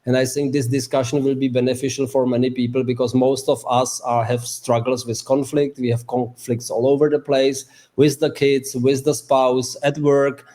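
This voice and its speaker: This career consultant hosts a live online interview by video call, speaking from a home or office in Switzerland. His warm, medium-pitched voice keeps a level tone, and he talks haltingly with phrasing that sounds slightly non-native.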